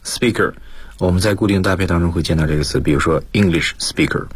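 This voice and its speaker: Male radio English teacher, deep husky voice, explanatory delivery. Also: fast. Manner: explanatory, mixes English terms into Mandarin explanations. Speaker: guest lecturer, school principal. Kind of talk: explaining vocabulary and grammar on a radio lesson.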